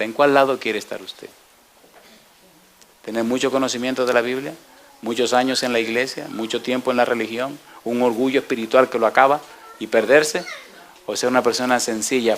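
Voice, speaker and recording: A male pastor preaching a sermon, building to fervent peaks and dropping to a hush for the altar call and prayer. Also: medium pitch.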